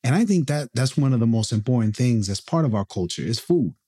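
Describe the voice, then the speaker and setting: A man's voice: medium pitch, lively intonation, a little fast, mellow, slightly rough. A man hosting a podcast in casual live chat, informally slipping Spanish phrases into his English. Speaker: podcast host.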